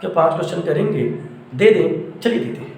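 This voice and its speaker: A man's voice: fairly high pitch, lively intonation, a little fast, gravelly, a little mellow. A man teaching a school math lesson, speaking fondly to the children and acting out their replies. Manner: affectionate, playacts students' replies. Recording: very echoey room, faint background noise.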